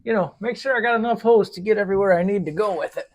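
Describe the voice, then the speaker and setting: Folksy high-voiced man working on a tractor. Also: fast, darkish tone, soft background music. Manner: folksy, talks to viewers as he works. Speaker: DIY tractor mechanic. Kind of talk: casual narration while working. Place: barn workshop.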